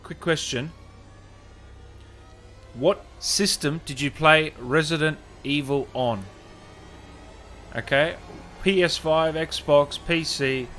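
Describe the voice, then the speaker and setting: Soft background music plays as a livestream host reads out viewer comments, joking with his audience in a friendly, informal way. He speaks slowly with frequent pauses, in a slightly high voice with a fairly bright tone.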